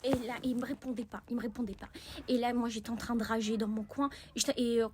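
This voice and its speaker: A young woman telling an animated, rambling storytime to camera, often restarting her sentences. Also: fairly high pitch, fast talker, slight background noise. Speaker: content creator.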